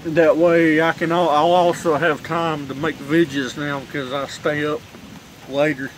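This dip tobacco reviewer, a young man, has a fairly high voice with little pitch variation and an unhurried delivery, swearing freely in a laid-back drawl as he chats aimlessly for his vlog. He records on a phone set on its kickstand while sitting on a covered porch outside in heavy rain. Rain can be heard falling, and the poor audio has slight background noise.

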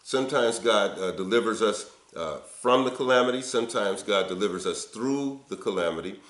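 A man's voice: fairly low pitch, lively intonation, moderate pace, fairly bright tone, reverberant. An older man preaching a sermon in an earnest, conversational way, recorded on a webcam in an indoor office. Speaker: pastor. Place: indoor office before window blinds.

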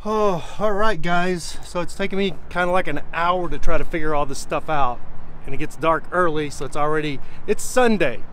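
A man in his forties talks casually to viewers while filming himself outdoors, the camera held at arm's length. His voice sits a little high and his manner is relaxed and chatty. Faint traffic murmurs in the background. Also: moderate pace. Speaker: vlogger. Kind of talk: casual vlog. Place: outdoors on a quiet road by a van. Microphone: handheld camera at arm's length.

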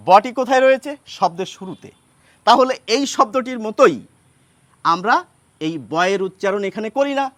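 Lively high-voiced man teaching. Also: no echo. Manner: patient, with many pauses and fillers. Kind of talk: explaining Bengali pronunciation at a board.

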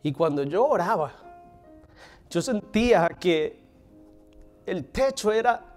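A man in his thirties delivers a sermon from a stage in a fairly high voice. He preaches with animation, leaning into strong lines and then falling to hushed, intimate phrases. The room mic picks him up from across the stage. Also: slow, soft background music. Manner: animated preaching, dropping to near whispers for emphasis. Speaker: pastor. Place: stage in front of a curtain, indoors.

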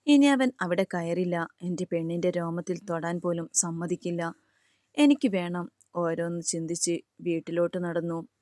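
A woman reads a romance story aloud in a calm, even storytelling manner. Her voice is low and sits close to the mic. The recording is dry, with no room sound. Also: no room sound. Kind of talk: scripted romance story narration.

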